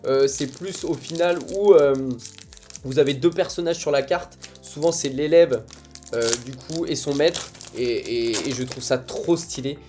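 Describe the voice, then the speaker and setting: A young man giving casual commentary as he opens trading card packs, reacting excitedly to each card as it comes. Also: mid-range voice, measured pace, soft background music. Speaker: card collector opening booster packs. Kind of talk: casual pack-opening commentary.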